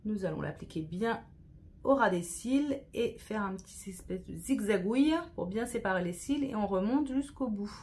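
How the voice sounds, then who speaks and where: A woman talks her way through a makeup tutorial at a casual, chatty pace. She is often self-deprecating and slips English words into her speech. Her voice sits at an everyday middle pitch. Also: lively intonation, normal speed, darkish tone. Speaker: beauty vlogger.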